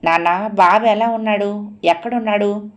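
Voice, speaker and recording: A woman's voice: mid-range voice, fairly even intonation, moderate pace, highs cut off, natural voice. A woman voicing a remorseful grown son who speaks hesitantly in an audio novel. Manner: hesitant, pleading.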